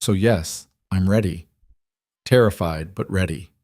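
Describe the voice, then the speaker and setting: A man's voice: low voice, unhurried, no echo, studio quality. A man voicing a tender, devoted king. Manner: soft, heartfelt speech. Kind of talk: audiobook story narration.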